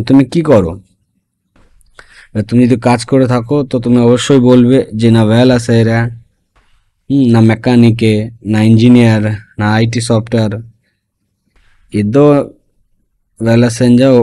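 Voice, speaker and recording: Mellow-voiced man teaching a language lesson. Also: mid-range voice. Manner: explains phrase by phrase, often asking "okay?".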